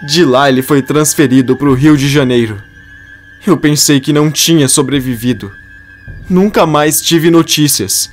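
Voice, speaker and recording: A man's voice: a little high, normal speed, faint music behind, voice pushed up, close to an everyday voice. A man voicing a remorseful older man who is crying and pleading for forgiveness.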